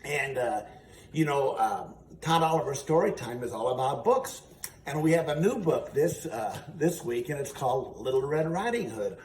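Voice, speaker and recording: Hosting a children's storytime as a ventriloquist, this man narrates and explains with folksy patience. His mid-range, darkish voice is animated and moves at a normal pace, picked up by a distant mic in an echoey room with faint noise.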